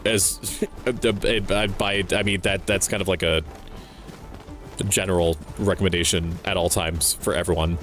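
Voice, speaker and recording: A man's voice: low voice, fairly even intonation, a little slow, a bit bright, soft background music. A man livestreaming a game, thinking aloud in casual commentary with a playful, sweary manner. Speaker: livestreamer, VTuber. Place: indoor livestream setup with game music behind.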